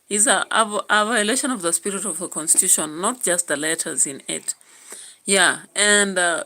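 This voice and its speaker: A young Kenyan woman talks through the news for her channel in a loose, chatty way, pausing on fillers as she thinks aloud. Her voice sits fairly low yet comes across bright and forceful. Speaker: YouTube channel host. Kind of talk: casual political commentary vlog.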